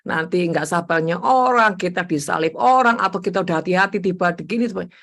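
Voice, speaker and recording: A woman evangelist giving a conversational sermon, constantly addressing listeners as brothers and sisters and acting out her own prayers. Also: a little fast. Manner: addresses listeners as "saudara" repeatedly, animated pitch swings. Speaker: evangelist preacher.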